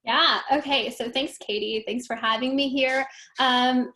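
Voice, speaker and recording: A woman's voice: sits high, fairly even intonation, unhurried, sharp tone. A woman in her thirties, from Romania, guest on a live stream, telling her story in a candid, chatty way with frequent fillers over a video call. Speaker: guest team leader. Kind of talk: casual talk on a live stream.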